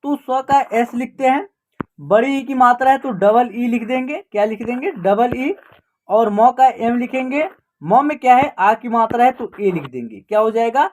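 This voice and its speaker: A woman's voice: a little high, expressive, darkish tone, slight background noise. A woman teaching an online class in Hindi, spelling out words step by step and asking and answering her own questions. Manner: asks and answers her own questions, repeats each word slowly.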